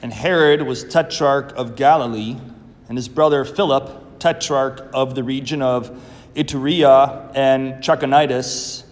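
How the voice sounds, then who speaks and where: A man serving as priest, reading the Gospel and preaching a homily in a slow, measured, earnest way, his voice ringing through a large church. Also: medium pitch. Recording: long echoing church reverb.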